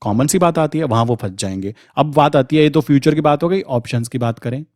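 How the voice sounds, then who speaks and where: Male trading teacher, casual talk to camera, mid pitch, dry close mic. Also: quick pace, darkish tone, no room sound. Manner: conversational, addresses viewers as brother, frequent "thik". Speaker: trading educator. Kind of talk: casual screen-share trading lesson.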